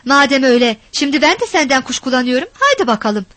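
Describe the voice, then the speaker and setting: A woman reading a gruff village husband. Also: sits high, sing-song, fast, fairly bright tone, no echo. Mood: angry. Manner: gruff, cursing, defensive. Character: rough, quick-tempered village husband, man. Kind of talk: storybook reading.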